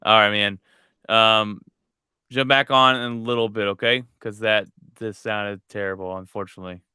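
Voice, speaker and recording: Bright, crisp-voiced male podcast host. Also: fairly low pitch, fairly even intonation, normal speed, no echo, studio quality. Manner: conversational, often restarts phrases. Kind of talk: casual sports chat.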